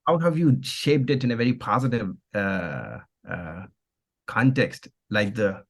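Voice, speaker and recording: A man's voice: fairly low pitch, expressive, measured pace. A man co-hosting a podcast, reading a guest introduction and then asking long, rambling questions full of fillers. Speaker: podcast co-host. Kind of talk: podcast interviewing.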